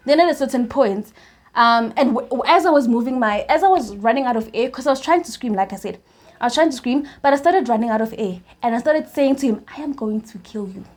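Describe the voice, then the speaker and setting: A young woman with a South African accent recounts a personal story straight to camera in a casual storytime vlog. Her voice sits a little high, and she tells it in an animated way, laughing often and restarting her sentences. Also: quick pace. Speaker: YouTuber.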